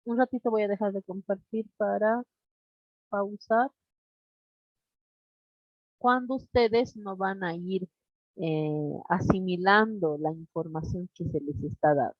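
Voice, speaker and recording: A woman teaching an online class over a video call, deliberate, constantly checking in with her students. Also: medium pitch, no echo. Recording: dull lo-fi online class audio.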